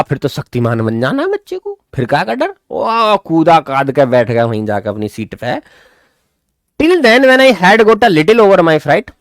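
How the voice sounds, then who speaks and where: A man's voice: fairly high pitch, no echo, studio quality. A man teaching a lesson casually, reading English lines aloud and explaining them in a chatty way. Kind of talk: casual classroom-style lesson.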